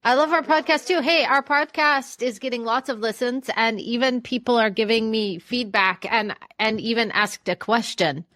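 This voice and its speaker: A woman's voice: a little high, moderate pace, few pauses, bright, forceful tone, dry recording, studio quality. A woman co-hosting a casual podcast, talking in a playful, upbeat way while a little congested. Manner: playful, upbeat intro delivery. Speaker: podcast co-host.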